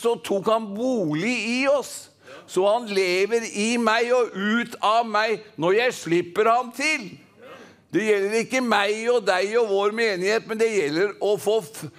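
A man from Norway preaching a fervent Pentecostal sermon, rhythmic and calling for responses from the congregation. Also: high-pitched.

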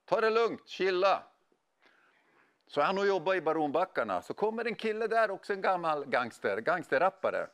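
A middle-aged man preaching a sermon, telling stories in an animated way with casual slang. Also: fairly high pitch, few pauses. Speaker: pastor. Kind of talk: sermon with storytelling.

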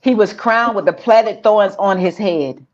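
A woman's voice: mid-range voice, muffled recording, crowd noise. Woman preaching in call and response. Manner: slow declarative call and response. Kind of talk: sermon.

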